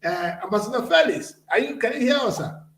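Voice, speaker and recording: High-pitched male host in a roomy echo. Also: lively intonation, a little fast. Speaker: panel host. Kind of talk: informal panel moderation. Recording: roomy echo, far from microphone.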